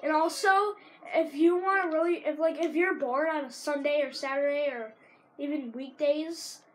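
A teenager with a sore throat rambling casually while commentating a video game, breaking into excited shouts at plays. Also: female voice, high voice, normal speed, slight background noise, poor audio. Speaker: gamer.

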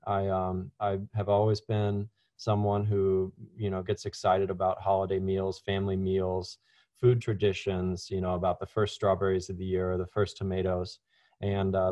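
A man's voice: low voice, mellow, dry recording, muffled recording. A man from Louisiana giving a casual online webinar talk as a university food science presenter, with frequent ums and restarts. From Louisiana, USA. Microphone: video call.

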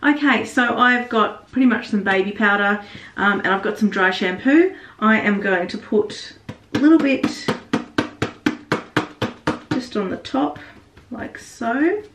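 Her voice is a little high and expressive, her pace measured, as she casually narrates how she styles a wig while working on it. The recording comes from a distance in a small, echoey bathroom with a noisy background.

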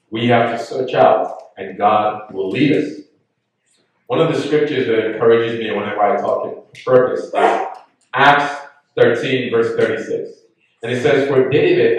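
A man's voice: medium pitch, very echoey, far from the mic, low-quality recording. A man preaching a sermon, teaching earnestly and reading scripture aloud.

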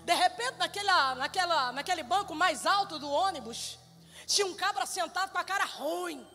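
A middle-aged woman missionary, giving a lively, animated testimony sermon, recorded live in a church hall with music behind. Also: very high-pitched, moderate pace. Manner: lively, animated storyteller who laughs and shouts. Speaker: missionary preacher.

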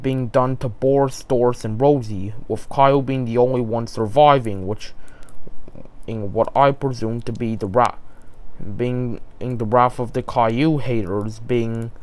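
Male storyteller, mid pitch, slow and halting delivery, lots of restarts; creepypasta narration. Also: steady tone, a little mellow. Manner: halting, stumbling, many restarts.

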